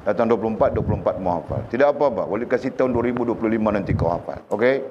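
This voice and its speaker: A man's voice: lowish voice, lively intonation, rapid-fire, muffled recording, noisy background. A man teaching a religious lesson, sternly prodding his students to recite. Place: classroom.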